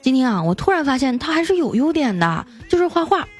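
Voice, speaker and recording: Woman, radio host, fairly high voice, playful and teasing, chatty joke reading, faint music behind. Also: sing-song. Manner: playful, chatty, teasing asides with drawn-out particles. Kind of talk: lively comic radio reading.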